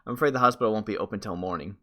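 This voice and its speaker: A man reading aloud the lines of a calm, reassuring hospital nurse, in a bright, fast voice. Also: fairly low pitch.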